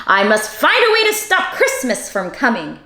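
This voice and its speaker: A woman acts out a grouchy storybook creature who hates Christmas, sneering as he plots. The voice sits fairly high and swings animatedly, with an echoey room around it. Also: huge pitch swings, normal speed, pushed and bright, full character voice. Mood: sneering, nervous. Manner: sneering, plotting. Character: grouchy scheming Christmas-hating male creature, the Grinch. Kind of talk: children's storybook read-aloud.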